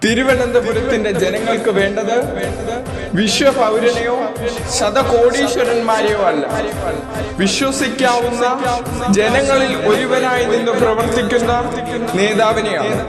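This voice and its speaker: A man with a very high voice delivers an emphatic campaign appeal, booming out as if over a loudspeaker. His words ring through a long, echoing hall. Loud music and a big crowd sit beneath him. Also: steady tone, measured pace. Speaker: campaign announcer. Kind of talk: election campaign announcement.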